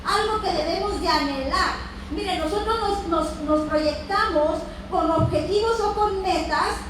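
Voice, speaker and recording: A woman's voice: very high-pitched, unhurried. A woman teaching a Bible lesson with fervor, breaking into amens and calls to God. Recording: echoey room from far off with noise.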